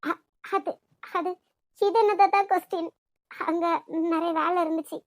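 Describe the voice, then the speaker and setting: A woman's voice: very high-pitched, fairly even intonation, unhurried, no room sound. A woman voicing a worried young woman in a cartoon, with a Kanyakumari Tamil accent, pleading and stammering. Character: anxious young woman, the granddaughter-in-law. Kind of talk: cartoon voice acting.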